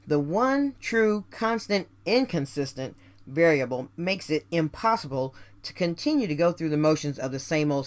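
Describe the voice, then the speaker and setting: A woman with a low-pitched voice hosts a radio show, delivering a scripted motivational monologue directly to listeners. She speaks in deliberate, emphatic phrases and poses rhetorical questions.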